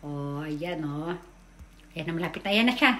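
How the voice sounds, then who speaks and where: A woman's voice: sits low, expressive, normal speed, pushed and bright, echoey room. A woman, a mother, giving a casual voice-over to her family video, chatty and stumbling over her words now and then. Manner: chatty, tags lines with "o, di ba?".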